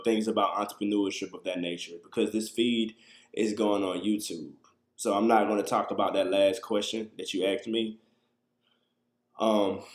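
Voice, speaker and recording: A man in his thirties hosts a casual livestream from a small room on a webcam, chatting loosely with viewers and answering their questions. His voice sits lowish and sounds roomy.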